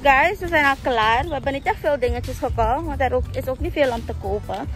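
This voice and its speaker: A woman's voice: sits high, brisk. A young woman, chatting casually to viewers on her vlog while talking through a face mask, slipping English words into her talk. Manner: chatty, addresses viewers directly, mixes in English. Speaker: vlogger. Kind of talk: casual vlog chat to camera. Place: outdoors at a market and by a car. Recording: loud background music.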